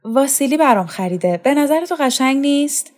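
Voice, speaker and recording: A woman's voice: high voice, animated, a little mellow, voice pushed up. A woman reading a story, voicing an elegant young woman with a coaxing, lightly affected manner. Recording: faint music underneath.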